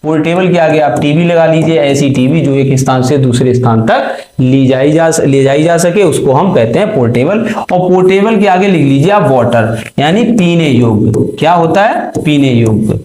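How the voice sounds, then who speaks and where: A man teaches an exam-prep vocabulary lesson in a slightly high voice. He explains each English term, asks the class what it is called, then answers himself. The room around him is echoey. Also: moderate pace, few pauses, a little mellow. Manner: mixes Hindi with English terms.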